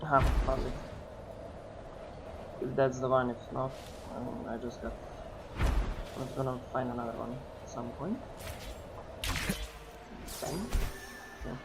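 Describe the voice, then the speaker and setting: Creaky-voiced man commentating on a game. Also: mid-range voice, measured pace, long pauses, noisy background. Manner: thinking aloud, muttering asides. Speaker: gamer playing and reacting. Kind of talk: casual gameplay commentary.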